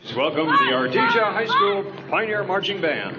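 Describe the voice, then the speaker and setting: A man's voice: high voice, huge pitch swings, normal speed. An American man making formal public-address announcements as a parade announcer. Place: outdoors along a parade route. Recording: echoey dull loudspeaker sound, very noisy crowd. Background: loud crowd and street noise.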